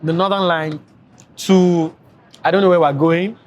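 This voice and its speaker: Nigerian-accented male travel vlogger, tired, chatty, higher-pitched voice. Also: fairly even intonation, unhurried, lo-fi sound, a little hiss or hum. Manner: chatty, rambling, with many fillers. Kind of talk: casual travel vlog talk to camera.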